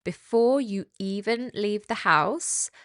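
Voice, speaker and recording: A woman's voice: mid-range voice, slow, a bit bright, no echo, clean studio sound. A British woman in her forties hosting a solo podcast on dog behaviour, talking in a chatty, playful and emphatic way.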